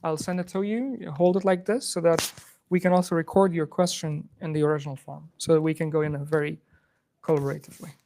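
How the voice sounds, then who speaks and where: A man's voice: a little high, steady tone, fast talker, gravelly, warm tone, slight background noise. A man from Afghanistan hosts a live coding workshop to a room, chatty and loose, with many fillers and restarts. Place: room with an in-person audience.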